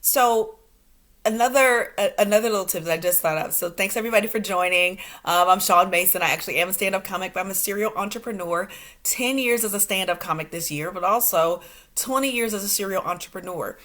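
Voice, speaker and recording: Forties woman comic doing a motivational pep talk, punchy short commands, laughs a lot, medium pitch. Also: a little fast, fairly bright tone. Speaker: stand-up comic and entrepreneur hosting a motivational segment.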